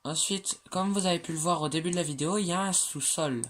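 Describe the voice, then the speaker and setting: A speaker gives a relaxed walkthrough of their own game builds, mid-pitched and full of pauses, fillers and quick self-corrections. The talk stays chatty and jokes at its own slips. Faint clicking and typing on a computer sit behind the voice. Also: slight background noise. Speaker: game creator showing builds.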